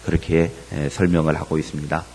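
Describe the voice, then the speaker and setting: A man preaching a sermon on a Bible passage, speaking slowly and deliberately with frequent hesitations. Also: extremely low pitch, little pitch movement, a little mellow, a little hiss or hum. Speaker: pastor. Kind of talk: sermon on scripture.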